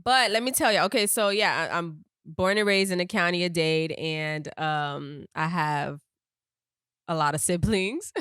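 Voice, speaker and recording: A woman's voice: fairly low pitch, measured pace, a bit bright, smooth, dry recording, clean studio sound. A young woman from Miami co-hosting a podcast, chatting casually and playfully with frequent laughter. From Miami, Florida. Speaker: podcast co-host. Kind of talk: casual chat.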